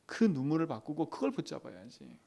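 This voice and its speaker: A man preaching a dawn prayer sermon as pastor, asking the congregation questions, swinging from loud emphatic lines to quiet asides. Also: a little high, huge pitch swings, a little fast, gravelly.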